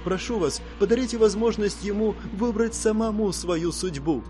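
A male reader voicing a gentle, weakened young woman who speaks quietly and sincerely in an audiobook. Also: sits high, moderate pace, faint music behind, pitched above the performer's own voice, close to an everyday voice. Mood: tender.

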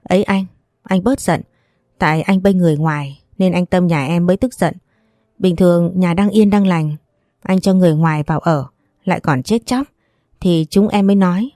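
A scheming middle-aged sister-in-law with a wheedling, complaining way of talking, as a woman storyteller puts her on. Low, mellow voice, dry close sound. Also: moderate pace, dry recording, lightly acted.

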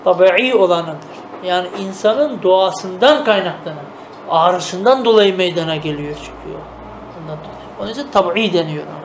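A man with a strikingly high voice teaches classical Arabic grammar and logic in a traditional madrasa-style lesson, reading classical Arabic phrases and then patiently explaining them. He asks himself quick rhetorical questions and checks that his students are following, with a faint hum of room noise beneath his voice.

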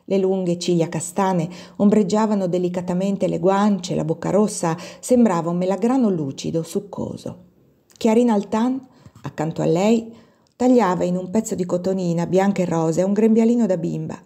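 A woman narrating a classic novel aloud in a measured, expressive reading. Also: on the low side. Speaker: audiobook reader. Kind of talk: literary narration.

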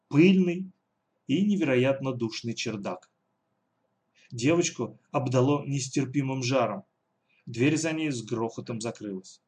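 A man's voice: mid-range voice, darkish tone. A man reading a children's story aloud as the narrator. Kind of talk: audiobook reading.

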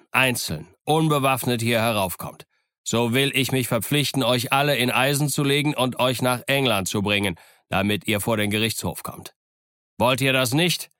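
A man playing a stern, unyielding ship's captain who speaks in a firm, commanding, measured way. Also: mid-range voice, sharp tone, no room sound, studio quality, voice pushed up, natural voice. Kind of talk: audiobook character reading.

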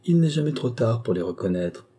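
Man playing a grave old marquis, slow and pious, dark husky tone. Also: medium pitch, big pitch swings. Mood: solemn. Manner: grave, solemn. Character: solemn, devout aged marquis, man.

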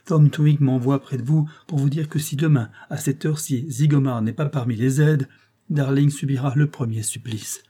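A man reading an audiobook voicing a desperate mother who pleads emotionally with a detective, rising high as she begs. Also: fairly even intonation, normal speed, mellow, breathy edge, close to an everyday voice. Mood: pleading.

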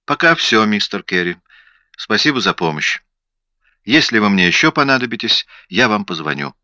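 A brisk, probing male investigator, as an audiobook reader plays him with a low, bright and forceful voice. He fires off questions with quiet authority. The recording is dry and slightly dull. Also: sing-song, dry recording, full character voice. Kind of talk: audiobook character reading.

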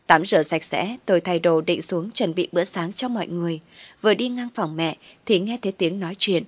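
Woman reading a story, low voice, dry close sound. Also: fairly quick, husky, no echo. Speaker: story narrator. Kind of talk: first-person story reading.

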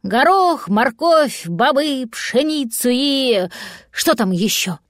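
Fussy fretting dad cat, woman doing the voice, pitch jumps high, dry close sound. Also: big pitch swings, slow pace, no room sound, exaggerated voice. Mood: fretful. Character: fussy anxious male house cat, fatherly worrier.

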